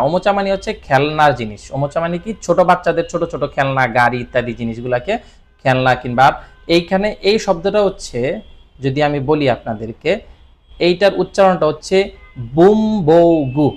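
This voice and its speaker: A man teaching Japanese vocabulary in a casual lesson, often asking a question and repeating each word slowly. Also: on the high side. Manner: repeats words with quiz questions; draws out words slowly. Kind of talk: explanatory lesson.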